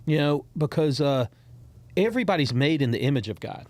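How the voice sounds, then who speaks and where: This podcast host's voice is fairly high, expressive and slightly mellow, and he talks fairly quickly over a dry recording. His casual chat wanders, with frequent restarts and repeated words. Throughout, he addresses listeners directly and encourages them.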